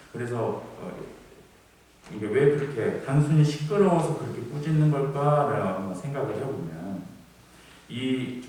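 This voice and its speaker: A man's voice: medium pitch, darkish tone. A man preaching a Sunday sermon, talking with the congregation, asking them questions and acting out the people in his stories. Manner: conversational preaching, asks the congregation questions, acts out voices. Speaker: pastor. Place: church sanctuary. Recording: echoey church hall, mic at a distance.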